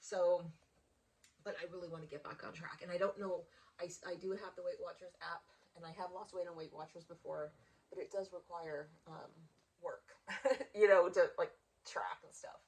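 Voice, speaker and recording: A woman of fifty giving an emotional, halting personal check-in, with many restarts. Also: fairly low pitch, steady tone. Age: 50s. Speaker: vlogger. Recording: quiet voice from far off the mic.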